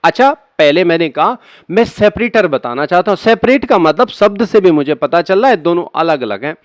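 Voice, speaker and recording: High-voiced man teaching computer basics. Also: animated, normal speed, no room sound. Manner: conversational, asks and answers his own questions. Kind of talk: screen-recorded computer lesson.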